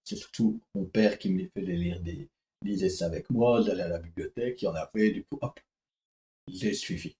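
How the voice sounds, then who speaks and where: Rambling man with a mellow voice. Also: deep voice, fairly even intonation, moderate pace, reverberant, low-quality recording. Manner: rambling, hesitant, many fillers and restarts. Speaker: comics vlogger. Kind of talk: casual storytelling vlog.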